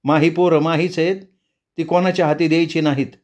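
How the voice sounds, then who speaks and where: A man's voice: a little high, level tone, fairly quick, darkish tone, pitched above the performer's own voice, natural voice. A man voicing a strange, eerie young pregnant village mother who talks in a rustic village way. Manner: rustic village speech, odd mad laughter.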